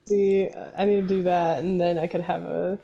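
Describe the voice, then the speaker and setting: A woman co-hosting a casual podcast, talking in an unhurried way and laughing easily. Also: on the low side, little pitch movement, gravelly, lo-fi sound. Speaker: podcast co-host. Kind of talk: casual chat.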